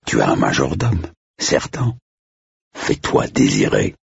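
A man voicing a calm, formal middle-aged butler in an audiobook, speaking slowly and with measure. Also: extremely low pitch, gravelly, breathy edge, dry recording, lo-fi sound, full character voice. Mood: composed.

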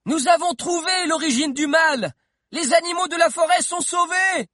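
A man voicing an exhausted soot-covered boy who shouts news of peace in a very high, strained child voice. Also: a little slow, no echo, clean studio sound, exaggerated voice. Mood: triumphant.

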